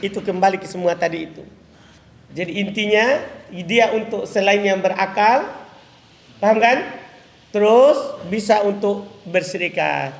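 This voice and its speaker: A male teacher giving a live lecture on Arabic grammar. He recites Arabic phrases slowly and drawn out, and quizzes his listeners with questions that he then answers himself. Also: sits high, gravelly. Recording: echoey room with long reverb.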